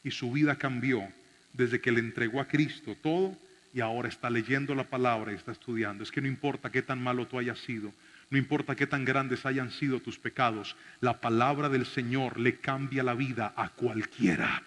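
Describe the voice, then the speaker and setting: A man, a pastor, preaching a sermon and telling a personal story in an animated way, shifting from shouting to soft speech. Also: mid-range voice, normal speed, in a large hall.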